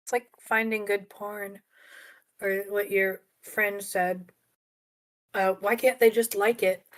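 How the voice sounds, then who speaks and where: A woman co-hosting a podcast in casual chat, relaxed and teasing with her partner. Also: mid-range voice, slow pace. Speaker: podcast co-host.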